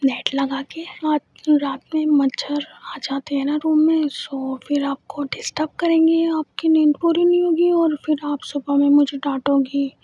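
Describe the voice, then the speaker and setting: A woman's voice: sits high, level tone, measured pace, hardly any pauses, dark tone, no room sound, lo-fi sound. A woman voicing a shy, flustered young woman who stammers when caught off guard.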